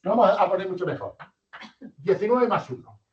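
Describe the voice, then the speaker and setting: Older professor lecturing in a hall. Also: male voice, high-pitched, normal speed. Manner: lively, rhetorical questions to the audience. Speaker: university professor. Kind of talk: university lecture. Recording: distant, roomy, muffled lecture hall recording.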